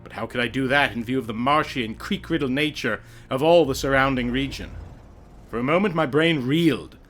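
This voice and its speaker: A man's voice: medium pitch, brisk, fairly bright tone. Theatrical man reading horror over music. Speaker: narrator. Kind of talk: dramatic reading of a horror story. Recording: music behind the voice.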